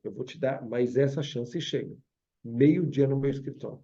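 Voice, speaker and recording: A man's voice: medium pitch, moderate pace, pitched below the performer's own voice, close to an everyday voice. A man voicing a stern, impatient millionaire who scolds curtly, heard over a video call. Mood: angry. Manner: curt and scolding, then shouting. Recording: dull lo-fi video call audio.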